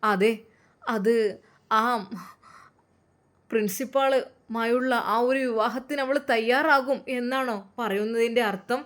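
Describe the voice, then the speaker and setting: A woman voicing an anxious young man who speaks quietly and hesitantly. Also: on the high side, slow, pauses often. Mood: worried.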